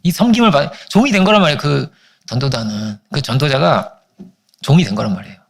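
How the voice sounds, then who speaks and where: A man preaching a Sunday sermon as pastor, telling stories with animated voices for the people in them. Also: quick pace, gravelly. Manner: animated storytelling, acting out family quarrels in high voices.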